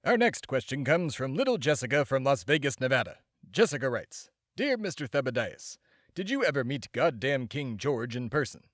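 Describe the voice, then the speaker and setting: In clean studio sound with no room echo, a medium-pitched, very animated man plays a bombastic, self-important immortal embodiment of America in a comedy podcast monologue. He's smug and pompous, bursting into shouted announcer lines and wandering off into rambling asides, at normal speed.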